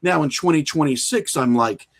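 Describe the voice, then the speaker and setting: In a relaxed podcast interview, a middle-aged man who writes and makes horror films speaks candidly, mocking himself and cursing freely. His voice runs on the high side at a moderate pace.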